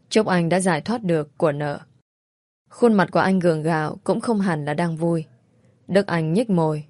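A woman narrating a family drama story in a steady, plain way. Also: on the low side, dry recording, clean studio sound.

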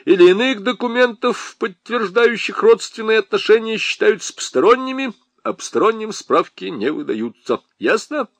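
A man's voice: high-pitched, lively intonation, normal speed, no room sound, voice pushed up. A man playing a smug, mocking, middle-aged lieutenant in a storybook reading, drawling in a mock-official tone.

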